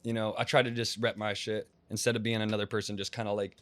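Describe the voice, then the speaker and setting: Young rapper guy from mass, talks super fast, slangy, swears a lot, dry close mic. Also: on the low side, little pitch movement, fairly bright tone, dry recording. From Massachusetts. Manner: fast, slangy, rambling with restarts and profanity. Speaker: rapper, interview guest. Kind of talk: casual interview chat.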